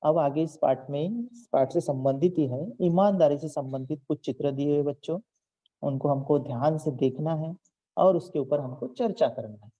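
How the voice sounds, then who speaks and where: Dark-voiced man teaching children. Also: fairly high pitch, muffled recording. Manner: slow, repeats words and explains each sound. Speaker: school teacher. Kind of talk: online Hindi lesson for children.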